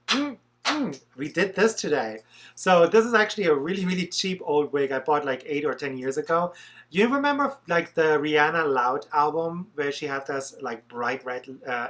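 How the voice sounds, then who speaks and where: A man's voice: a little high, bright, forceful tone. A young man doing a makeup tutorial vlog as a drag performer, chatty, playful and sassy.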